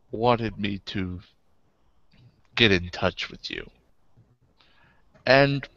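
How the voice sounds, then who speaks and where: A man voicing a smooth, secretive male information broker who speaks in an unhurried, knowing way. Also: mid-range voice, fairly bright tone, dry recording, lo-fi sound, exaggerated voice.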